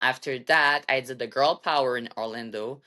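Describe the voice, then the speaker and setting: French Canadian woman guest, very low voice, chatty, a touch nervous, casual interview. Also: normal speed, sharp tone. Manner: slightly nervous, chatty with fillers. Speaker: podcast guest, bodybuilder.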